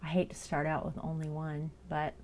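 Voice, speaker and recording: A woman's voice: deep voice, monotone, moderate pace, darkish tone, a little hiss or hum. A woman live streaming as she works on a craft project, chatting casually and thinking aloud as she goes.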